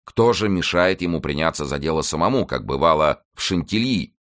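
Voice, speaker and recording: A man voicing Porthos, a pompous, self-satisfied stout nobleman who exclaims loudly. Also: a bass voice, animated, brisk, dry recording, clean studio sound.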